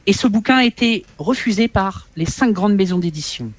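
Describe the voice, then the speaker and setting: His voice sits high as this forty-something guest author tells an interviewer a personal story. The telling is animated and halting, and he keeps repeating himself.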